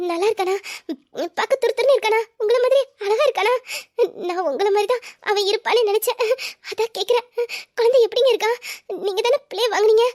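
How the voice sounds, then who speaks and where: A woman's voice: extremely high pitch, a little mellow. A woman playing a devoted young wife who has just given birth, asking and pleading tearfully in an audio drama.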